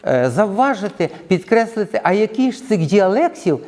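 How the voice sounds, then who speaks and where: A middle-aged lecturer with a Ukrainian accent, speaking in a measured way and pausing often with hesitation sounds as he explains words. His pitch moves about a lot and sits a little high. The room rings with a long reverb. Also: very animated, a little mellow. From southern Ukraine.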